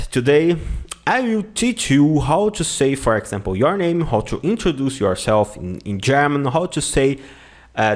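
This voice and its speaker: A man teaching a beginner German class in English, whose first language is Portuguese. He explains patiently and repeats words over and over as pronunciation drills. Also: mid-range voice. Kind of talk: online language lesson.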